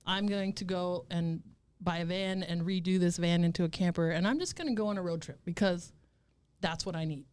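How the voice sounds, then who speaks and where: A woman in her fifties telling stories as a guest in a casual interview, blunt, profane and animated. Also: lowish voice, brisk, smooth. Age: 50s. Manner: animated storytelling.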